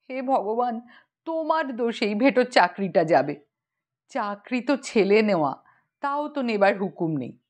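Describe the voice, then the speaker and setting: A woman narrating a humorous short story for an audiobook, measured and expressive. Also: on the high side.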